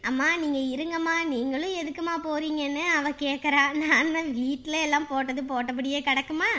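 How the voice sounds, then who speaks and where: A woman's voice: high-pitched, steady tone, a little fast, pushed and bright. A woman playing a scheming middle-aged mother in a TV serial, sly and scornful. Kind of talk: TV serial acting.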